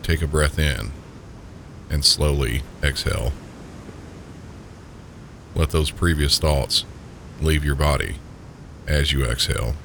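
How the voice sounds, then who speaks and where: A man with an extremely deep voice and a Southern US accent works as a sleep story narrator. He speaks gently and calmly, guiding the listener slowly toward rest. A steady, loud low rumble of noise runs behind him. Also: vocal fry. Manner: calm, gentle, unhurried guiding. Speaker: sleep story podcast host. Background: low pink-noise rumble.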